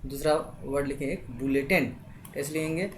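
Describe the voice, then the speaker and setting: A woman's voice: sits low, slight background noise. A woman teaching spelling, sounding out words letter by letter and often checking in with her listeners. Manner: slow letter-by-letter spelling, checks in with "thik hai". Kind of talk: spelling lesson.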